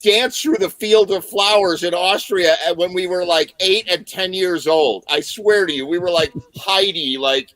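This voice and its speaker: A man's voice: high-pitched, normal speed, hardly any pauses, fairly bright tone, no room sound, rough recording. A man hosting a casual online music show, chatting and telling a rambling story. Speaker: host. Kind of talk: casual video-call chat.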